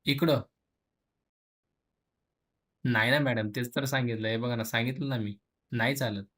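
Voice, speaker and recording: This male teacher's voice is medium in pitch, a bit bright, and fairly even in intonation. He runs a casual programming lesson, chatting colloquially, slipping in English phrases, and acting out the tables and students in quick asides.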